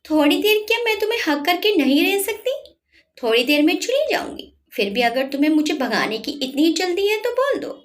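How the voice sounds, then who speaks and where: A woman's voice: very high-pitched, sing-song, a little fast, pitched above the performer's own voice. A woman voicing a young wife in a storybook reading, pleading and emotional. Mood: teasing. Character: young wife, playful, then hurt and tearful.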